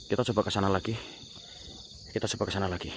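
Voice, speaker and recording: A man hosting a ghost-hunting vlog, loudly chanting calls to spirits and then speaking in hushed asides to viewers, outdoors at night. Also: low-pitched, steady tone, fast, background noise. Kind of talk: night-time paranormal vlog. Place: outdoors at night among trees. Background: crickets and insects.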